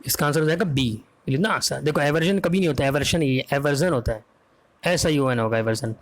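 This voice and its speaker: Brisk man coaching exam vocabulary. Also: a little high. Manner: brisk and coaxing, quizzes students and spells words aloud. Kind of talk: online exam prep lesson.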